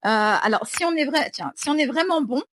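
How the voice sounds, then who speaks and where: A woman's voice: high-pitched, lively intonation, moderate pace, a bit bright, a little hiss or hum. A woman hosting a podcast, joking and teasing her guest in casual slang. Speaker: podcast host.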